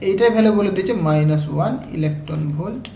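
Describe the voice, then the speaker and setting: A woman with a Bengali accent teaching exam-prep physics, explaining each step slowly and often pausing to ask her students whether they follow. Her voice carries a noticeable echo from the room. A faint hum sits underneath. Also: fairly low pitch, vocal fry, warm tone. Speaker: physics tutor.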